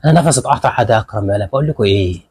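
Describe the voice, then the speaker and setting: A young man with an Egyptian accent giving comic, excitable commentary on a fight and repeating every phrase. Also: fairly low pitch, rapid-fire, slightly rough, no echo, studio quality. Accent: Egyptian Arabic.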